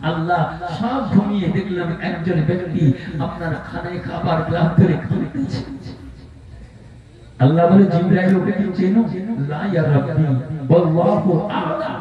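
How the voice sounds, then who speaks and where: A man's voice: high voice, steady tone, moderate pace. A man preaching a waz sermon who recites Arabic verses and slides into a sung, melodic chant. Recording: echoey, distant, dull sound with a crowd.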